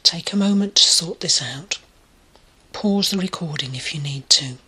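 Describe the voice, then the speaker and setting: A woman leading a guided meditation in a soft, soothing voice that often drops to a breathy near-whisper. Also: deep voice, moderate pace. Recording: clear music bed behind the voice.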